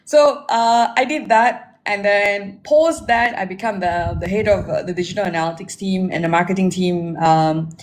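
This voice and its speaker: Talking at normal speed with hardly any pauses, a medium-pitched forty-year-old woman with a Malaysian accent gives a casual self-introduction and career account as an interview guest. She is a marketing technology consultant who addresses listeners and tags statements with "right?", recorded in an echoey room with faint background noise.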